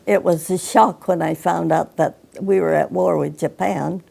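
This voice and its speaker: Old woman, very gravelly, low and dark, sincere interview, faint music. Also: fairly even intonation, moderate pace. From Portland, Oregon, USA.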